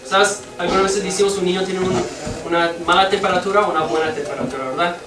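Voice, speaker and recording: Searching for words while translating, an English-speaking teacher halts through a bilingual lesson. The medium-pitched voice keeps a fairly even intonation, and the audio is noisy and echoey, picked up by a distant microphone.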